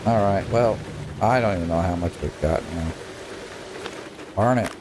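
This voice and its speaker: This man from Utah, a gaming YouTuber, talks in a low pitch at a normal pace while casually rambling through a let's-play and muttering at the game. Background noise can be heard.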